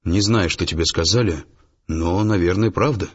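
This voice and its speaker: A man voicing a reserved, calm male businessman who answers in a measured way. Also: low-pitched, breathy edge. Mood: guarded. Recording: dull lo-fi audiobook, faint music.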